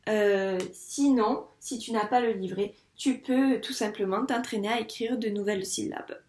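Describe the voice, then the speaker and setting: A woman teacher from France giving a young child a handwriting lesson, spelling out sounds slowly and clearly, syllable by syllable. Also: mid-range voice, a little mellow, echoey room. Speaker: first-grade teacher.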